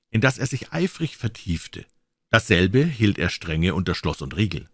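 A man with a lowish voice narrates a classic story as an audiobook. His telling is measured and expressive, and the recording is close and dry with no room sound. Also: no echo. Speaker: audiobook reader.

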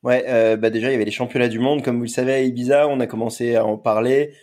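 Mellow-voiced man rambling on a podcast. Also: medium pitch, fairly even intonation, fast talker. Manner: rambling, repeats words. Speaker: podcast co-host. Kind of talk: casual podcast chat.

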